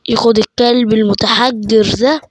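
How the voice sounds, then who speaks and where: A man with an Egyptian Arabic accent giving chatty let's play commentary, excitable and quick to burst into panicked repeated shouts. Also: high-pitched, dry recording. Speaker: gaming channel host.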